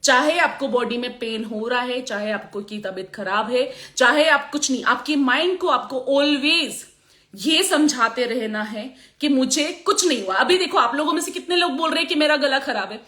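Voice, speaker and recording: A woman makeup artist chatting on a live stream, with a sore throat, animated and laughing often. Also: high-pitched, moderate pace, roomy sound. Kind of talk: motivational live chat.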